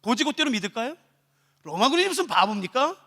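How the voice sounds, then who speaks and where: A young man preaches in a church with a notably high, lively voice that rises and falls. His tone is bright and forceful, and his words ring out with a long echo from the hall around him. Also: fast talker. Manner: dramatic preaching, acting out voices of crowds and believers. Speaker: pastor. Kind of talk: sermon. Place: church sanctuary.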